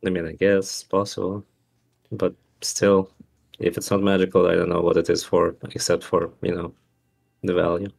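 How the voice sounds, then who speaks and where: A man with a lowish, creaky voice plays a tabletop game. He talks casually, describing his moves and chatting in character. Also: completely flat delivery, normal speed, a little mellow.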